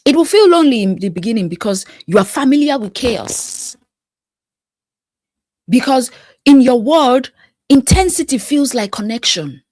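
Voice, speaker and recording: A woman's voice: on the high side, sing-song, normal speed, pauses often, darkish tone, no echo. Woman, life coach, emphatic repetitive cadence, occasional whispers, dry close sound. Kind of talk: motivational talk to camera.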